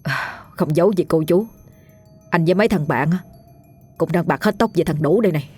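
A woman playing a burly village man, gruff, scolding, bossy, ghost story audiobook, low voice. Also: a little fast, a little mellow, faint music behind. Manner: barking, scolding.

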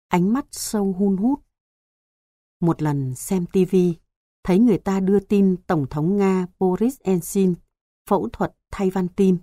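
A woman narrating an audiobook story in a calm, measured way. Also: fairly low pitch, no echo, clean studio sound. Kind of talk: scripted narration.

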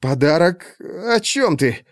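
A man's voice: sing-song, takes it slowly, no room sound, studio quality. A man doing a squealing young aristocrat. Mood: panicked. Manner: shrill, squealing, panicky. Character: young male aristocrat, frightened, pleading.

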